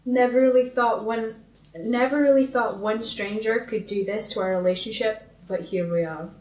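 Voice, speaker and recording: Her voice runs on the high side with a darkish tone, fairly even intonation and a moderate pace. As a podcast co-host, she chats casually and gives sweary, self-mocking dramatic readings of old argument messages. The audio is dull and echoey, with the mic distant.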